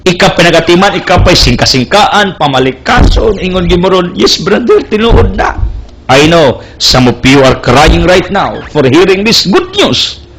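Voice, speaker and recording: A man's voice: sits high, lively intonation, moderate pace, a bit bright, breathy edge. A young man preaching a sermon, earnest and emphatic, mixing English phrases into his message. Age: young adult.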